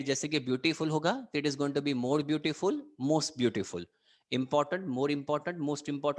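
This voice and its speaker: A man with an Indian English accent giving an online lecture, mixing Hindi and English and drilling students on words. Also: fairly high pitch. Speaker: English teacher.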